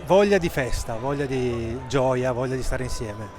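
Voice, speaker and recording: A man's voice: medium pitch, unhurried, music in the background. A man from the alpine troops association, speaking cheerfully in a street interview with some hesitant restarts.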